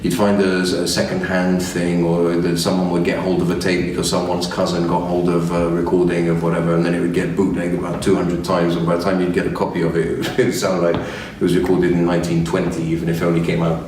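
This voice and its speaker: A man from Egypt talks in a relaxed interview, thoughtful and rambling, with a dry humour now and then. His voice sits low, and it carries across a very reverberant room from some distance. A faint noise hums underneath. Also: fast talker, few pauses. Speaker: musician guest. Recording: very echoey room, far from the mic, faint noise.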